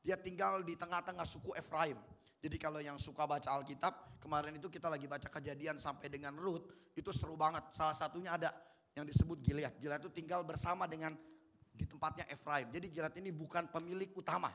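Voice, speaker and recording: A man's voice: on the high side, steady tone, fast talker, a bit bright. A male pastor giving an interactive sermon in a colloquial way, quizzing the congregation with repeated questions.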